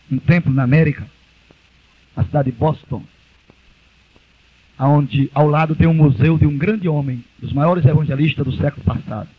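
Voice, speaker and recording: Brazilian preacher on muffled old cassette. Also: male voice, breathy edge. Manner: repeats phrases, swings from hushed lows to shouted cries. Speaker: pastor. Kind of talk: fiery Pentecostal sermon.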